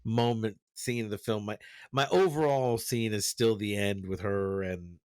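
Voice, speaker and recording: A man's voice: fairly low pitch, a little slow, clear, resonant tone, no echo, studio quality. A man chatting casually about a film on a podcast, rambling and restarting his sentences, often laughing as he tells a story. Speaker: podcast co-host. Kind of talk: casual movie chat.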